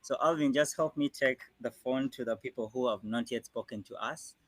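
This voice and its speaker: A man's voice: medium pitch, moderate pace, no echo, low-quality recording. A man hosting a live youth call-in, hesitant with many fillers.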